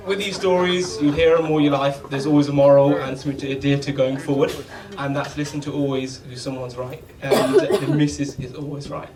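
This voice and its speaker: A man's voice: mid-range voice, steady tone, fairly quick, hardly any pauses. A British man giving an informal, bantering, laddish best man speech at a wedding reception. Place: wedding reception, speaking to guests. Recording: distant mic, loud crowd and noise.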